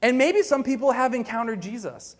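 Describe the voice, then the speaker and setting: A man with a high, bouncing voice gives an animated keynote, chatty and playful, speaking straight to his listeners. His voice carries through a large, echoey hall. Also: a little fast. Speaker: keynote speaker, director of evangelization. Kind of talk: lively keynote talk.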